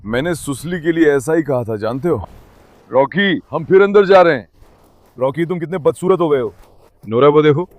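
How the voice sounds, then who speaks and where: A man vlogging outdoors at the sea, calling and coaxing his dogs with pet names in an affectionate way. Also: fairly high pitch. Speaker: dog owner vlogger. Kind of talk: casual vlog talk to pets. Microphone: handheld mic.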